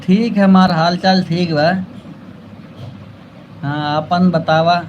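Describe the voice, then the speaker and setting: A man's voice: sits high, fairly even intonation, slow, dull audio, a little hiss or hum. A man with an Awadhi accent hosting a casual live stream, chatting with viewers and thanking them by name.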